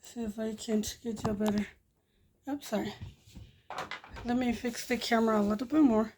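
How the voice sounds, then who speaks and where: This homestead vlogger, a Mexican woman in her forties with a Spanish accent, chats through her chores, washing dishes near the wood stove, rambling, restarting sentences, and chuckling frequently. A nearby propped phone picks up her slightly high, fairly even, darkish voice at normal speed with slight background noise.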